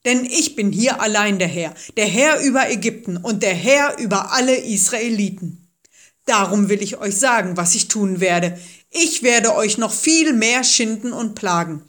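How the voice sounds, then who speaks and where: A loud, domineering angry king, as a woman narrator puts him on. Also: mid-range voice, lively intonation, measured pace. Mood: indignant. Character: angry, arrogant male king of Egypt.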